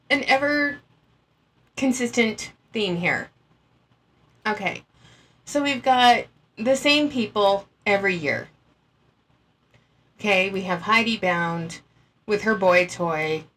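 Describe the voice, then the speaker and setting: A woman's voice: mid-range voice, fairly bright tone. A woman giving casual, blunt and dismissive commentary, talking through an earbud mic. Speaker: anti-MLM commentator.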